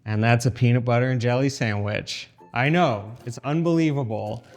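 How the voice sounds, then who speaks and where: An American man hosts a casual vlog in a medium-pitched voice. He talks informally with a light joking touch. The empty room around him is echoey, and music plays under his words. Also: moderate pace, darkish tone. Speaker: channel host. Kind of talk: casual chat to camera. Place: empty house kitchen.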